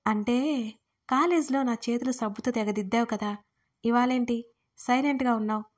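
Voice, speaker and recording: A woman's voice: on the high side, normal speed, lightly acted. A woman voicing a feisty sulky young woman. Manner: sulky, sarcastic. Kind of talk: storybook reading.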